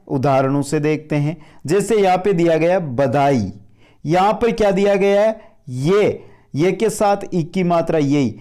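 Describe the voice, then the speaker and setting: A man's voice: high voice, dark tone. A man teaching a grammar lesson to viewers of his video channel. He explains step by step, keeps asking rhetorical questions and calls his viewers friends. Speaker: online Hindi grammar teacher.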